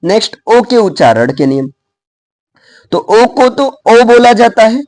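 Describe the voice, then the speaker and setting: Spelling words out slowly one letter at a time and then saying them, a man with an Indian accent gives a lively English pronunciation lesson and checks in with his students. His high voice is very animated and a little mellow. There's no echo.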